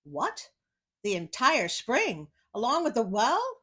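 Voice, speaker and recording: A woman voicing a huge, dim and rude male giant in a read-aloud storybook, speaking in a loud, bossy, blustering way. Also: medium pitch, sing-song, measured pace. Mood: alarmed.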